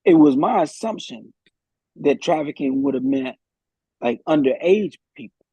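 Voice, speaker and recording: A man's voice: fairly high pitch, animated, a little slow, warm tone, breathy edge, no room sound, muffled recording. A man, a guest in a live podcast discussion, thinking aloud in a hesitant way with many restarts.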